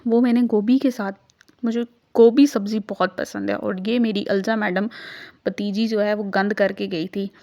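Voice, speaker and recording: A woman's voice: medium pitch, a little mellow. Chatty young woman vlogging casually. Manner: chatty, mixes English words into her talk. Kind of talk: casual vlog narration.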